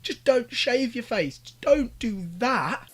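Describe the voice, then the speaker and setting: A man's voice: very high-pitched, animated, takes it slowly. A young British man giving exasperated, ranting reaction commentary, pleading with the people on screen. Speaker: commentary YouTuber.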